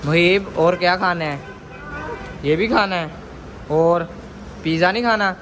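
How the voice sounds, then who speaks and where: On a phone camera, a young man vlogs a trip to a bakery, casually narrating and nudging children along with short, repeated prompts. His voice is high, a little slow and a bit bright. He moves from an outdoor street into a small bakery, and the street and shop noise behind him comes through clearly.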